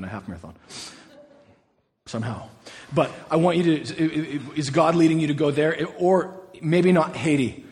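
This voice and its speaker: Casting note: male pastor, energetic and direct with the congregation, reverberant hall. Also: mid-range voice. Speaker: pastor interviewing a guest. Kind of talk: sermon-time interview.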